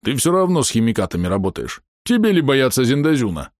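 A man's voice: mid-range voice, big pitch swings, fast, no echo, clean studio sound, voice pushed up, lightly acted. A man voicing a big, blunt male half-orc warrior in an audiobook who grumbles and barks his lines. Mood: gruff.

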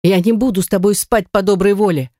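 A woman's voice: medium pitch, steady tone, brisk, dark tone, dry recording, natural voice. Reader doing a tearful young woman, frightened yet defiant, dry close audiobook sound. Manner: pleading, sobbing protests. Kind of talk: audiobook character voice.

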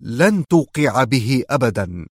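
A man voicing a defiant female spy held captive, sharp and sarcastic in her replies. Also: medium pitch, moderate pace, no echo, clean studio sound, natural voice.

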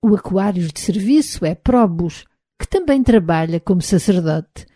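A woman's voice: lowish voice, animated, normal speed, warm tone. A woman with a European Portuguese accent voicing a plain-spoken male aqueduct worker giving a report in an audiobook. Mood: matter-of-fact.

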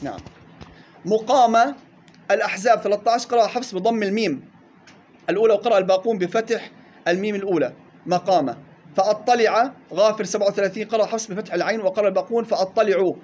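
A man teaching a tajweed lesson in a classroom, listing reading variants briskly and drawing out the recited words slowly. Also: high voice, darkish tone, muffled recording.

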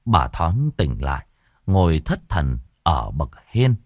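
A male storyteller reading a horror tale with expressive narration. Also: extremely low pitch, slow pace, dry recording, clean studio sound.

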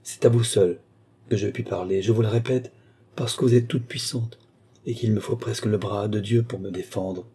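A man's voice: fairly low pitch, steady tone, moderate pace, warm tone, breathy edge. A man reading the part of a frightened young Roman noblewoman in an audiobook, in a pleading voice. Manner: pleading, fearful.

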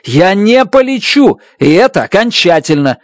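A reader voicing a frightened male scientist who shouts and pleads in an audiobook. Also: mid-range voice, very animated, a little slow, no echo, studio quality, pitched above the performer's own voice. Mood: protesting. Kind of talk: audiobook character voice.

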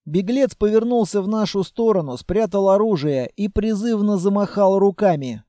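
A man narrating a first-person adventure audiobook in a calm, even storytelling manner. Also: sits high, moderate pace, no echo, studio quality.

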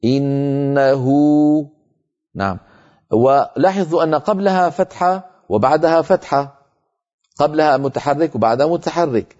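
Male tajweed teacher; patient TV lesson, mellow tone, lo-fi broadcast sound. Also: a little high, lively intonation. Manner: explains patiently, asks the audience questions, chants examples slowly. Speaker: Quran recitation teacher.

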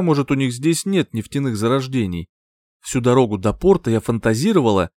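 A man narrating a fantasy audiobook in the first person, with an expressive, lively reading. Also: medium pitch, dry recording, studio quality.

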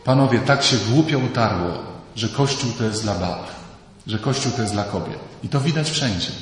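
A priest preaching a retreat sermon in a large church, lively, acting out everyday voices. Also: male voice, medium pitch, slight background noise. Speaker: priest giving a retreat talk. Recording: echoey hall, distant mic.

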